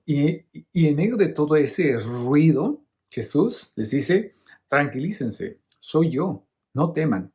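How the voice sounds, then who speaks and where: A middle-aged man, a priest, gives a homily on a Bible reading in a medium-pitched, slightly mellow voice. Teacherly and patient, he works through each point and frequently checks that his listeners are with him.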